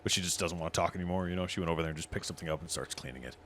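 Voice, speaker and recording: A man's voice: low voice, rapid-fire, a bit bright, slight background noise. A man working as game master, narrating a tabletop role-playing game in a casual way.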